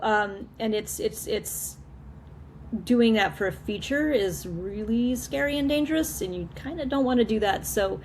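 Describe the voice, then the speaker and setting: A woman's voice: mid-range voice, darkish tone, a little hiss or hum. Chatty woman with many restarts. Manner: chatty, repeats words and restarts, laughs often. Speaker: filmmaker guest. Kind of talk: casual video call interview.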